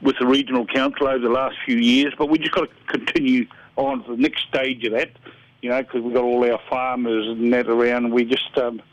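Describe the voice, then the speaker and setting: Speaking fairly quickly in a steady, mid-range voice, this older New Zealand man is a council candidate being interviewed by phone. His manner is plain and earnest, and he hunts for words at times. The telephone recording sounds muffled, with no room sound.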